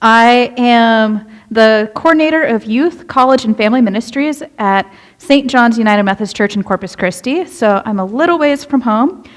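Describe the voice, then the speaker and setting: In a church sanctuary, a young woman serving as a youth minister preaches a casual, conversational sermon, chatty and relatable, and poses questions to the congregation. She speaks at normal speed in a fairly high pitch with few pauses.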